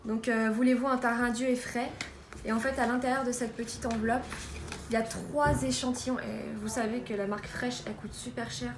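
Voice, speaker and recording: Recorded at home in an echoey room over a constant hum, this young Frenchwoman talks through her beauty haul at a fairly quick clip. Her slightly high voice is casual and loose, packed with fillers and restarts that trail off.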